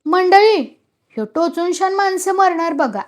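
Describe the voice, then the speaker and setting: A woman voicing a sarcastic old village man who taunts loudly. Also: extremely high pitch, lively intonation, very slow, pitched above the performer's own voice, exaggerated voice. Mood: mocking. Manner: mocking, loud.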